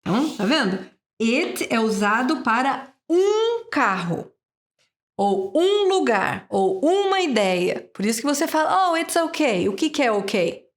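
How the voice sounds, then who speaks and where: A woman teaching an English lesson from Brazil, patient and slow, repeating each sound many times. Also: on the high side, very animated.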